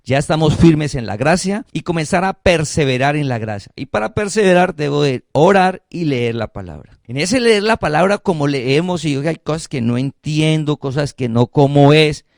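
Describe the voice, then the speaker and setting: A male pastor delivers a sermon with emphatic conviction. His voice sits somewhat high for a man, and the sound is dry and close. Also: expressive, moderate pace, creaky, few pauses, dry recording. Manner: emphatic preaching that acts out listeners' excuses; addresses congregation as family.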